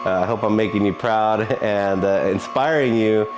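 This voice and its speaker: A man's voice: fairly low pitch, moderate pace, over music, poor audio. A man giving earnest, encouraging talk in a motivational vlog. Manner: earnest and encouraging, with frequent laughs. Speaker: vlogger.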